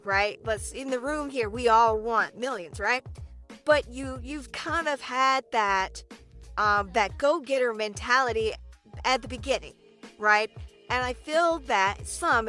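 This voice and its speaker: Podcast co-host, woman, high and bright voice, chatty with many repeated words. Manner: chatty, repeats words, keeps asking "right?". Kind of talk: casual chat.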